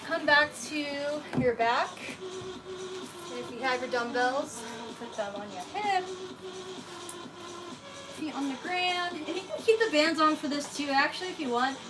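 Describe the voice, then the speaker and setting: High-pitched woman aerobics instructor over music. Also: a little slow, long pauses, poor audio. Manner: casual, encouraging, giving cues between counts. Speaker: fitness instructor leading a live workout. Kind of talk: aerobics instructor coaching, counting reps aloud. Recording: music playing behind the voice.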